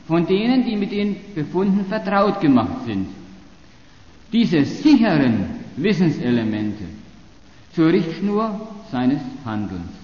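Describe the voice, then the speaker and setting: Male lecturer, fairly high voice, sarcastic and argumentative, dull lo-fi recording. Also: darkish tone, echoey room, big-room sound. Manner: sarcastic, argumentative, restarts phrases. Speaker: university lecturer. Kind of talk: polemical lecture.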